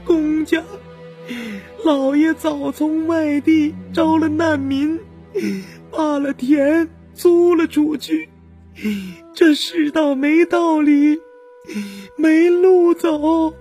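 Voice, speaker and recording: A man reading an audiobook voices a poor peasant boy who is crying and wails his words in a high, strained voice. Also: little pitch movement, extremely slow, mellow, faint music behind, exaggerated voice. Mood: sobbing, desperate. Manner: high strained wail, drawn out.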